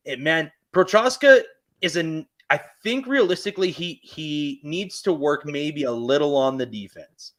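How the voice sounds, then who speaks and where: A man's voice: a little high, unhurried, a bit bright. Eager Canadian man hosting fight talk. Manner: eager, rambling fan talk. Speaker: podcast host. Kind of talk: casual sports chat.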